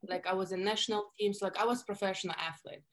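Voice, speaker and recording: In a fast, mid-range voice, a woman in her 30s from Russia, with a Russian accent, shares stories as an interview guest. The conversation is casual, and her animated storytelling is full of fillers.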